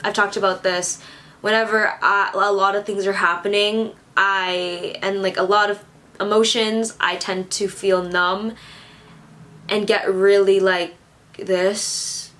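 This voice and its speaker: A twenty-one-year-old vlogger rambles to her camera on the verge of crying, holding back tears and reassuring herself. Her medium-pitched voice is a little slow and sharp-toned, with little pitch movement.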